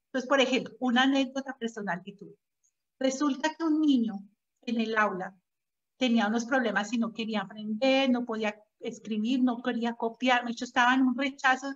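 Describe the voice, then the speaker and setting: A woman's voice: a little high, fairly bright tone. A woman, a preschool teacher explaining her ideas in an interview and telling anecdotes from her classroom. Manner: explanatory, uses personal anecdotes. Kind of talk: conversational interview. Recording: dull lo-fi audio.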